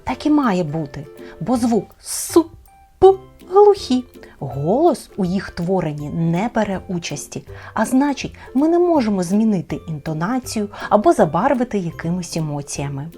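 A woman teacher explaining speech sounds in a clear, deliberate children's lesson. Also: lowish voice, very animated, warm tone, soft background music.

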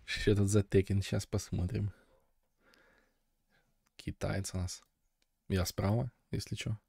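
Male gameplay commentator: low, dark voice, casual and offhand, short fragmented remarks. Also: level tone, slow, gravelly, slightly rough, dry recording, studio quality. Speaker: gamer, video host. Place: voice-over on game footage.

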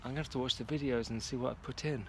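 A man in his forties talks casually into a phone held at arm's length, pottering around an allotment outdoors. His tone is chatty and self-muttering, with faint outdoor ambience and distant traffic behind him. The pitch sits in an ordinary middle range for a man. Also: steady tone, rapid-fire. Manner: chatty, muttering to himself as he works. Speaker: vlogger. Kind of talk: casual walk-and-talk vlog. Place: outdoor garden allotment at dusk. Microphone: phone camera at arm's length.

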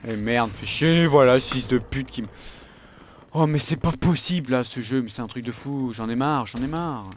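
A young man commentates live on his shooter game as a raging gamer, exasperated and cursing. His voice sits at a middling pitch. Gunfire and clicks from the game make the recording somewhat noisy. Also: normal speed. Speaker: gamer recording gameplay for viewers.

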